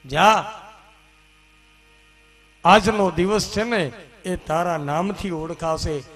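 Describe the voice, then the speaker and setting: A man's voice: high voice, steady tone, slow pace, fairly bright tone, faint music behind. A man voicing a benevolent male god who grants a blessing, with a grand, solemn manner. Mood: gracious. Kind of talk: storytelling in a religious discourse.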